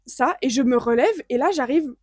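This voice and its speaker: A young woman tells embarrassing stories on a podcast in an expressive, chatty way. Her voice sits a little high, and the sound is dry and close to the mic. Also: brisk, no echo. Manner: expressive storyteller, quotes people in her stories. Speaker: podcast co-host. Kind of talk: casual chat.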